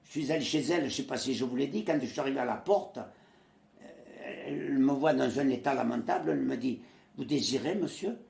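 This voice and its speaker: Brisk and creaky in the mid range, this nonagenarian from Marseille, a former resistance member, tells wartime stories conversationally. He brings quoted people to life with their voices while hesitating frequently, and the sound is roomy.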